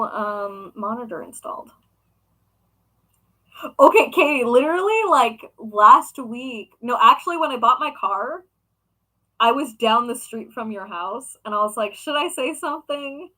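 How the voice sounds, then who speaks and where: A young woman talks casually to her viewers about her craft work, wandering from one point to the next with plenty of fillers. Her voice sits a little high and sounds bright and forward. She keeps an easygoing, chatty tone throughout. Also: measured pace, poor audio. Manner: chatty, rambling with many fillers. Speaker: craft shop owner and vlogger. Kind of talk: casual chat answering viewers.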